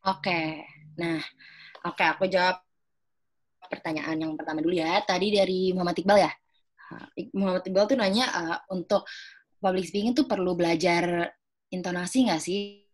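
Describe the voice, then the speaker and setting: A woman's voice: lowish voice, fairly even intonation, moderate pace, long pauses. A young woman giving a casual talk on a video call, chatty and full of fillers. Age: young adult. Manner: chatty, many fillers, acts out example phrases. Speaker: speaker at a student organization webinar.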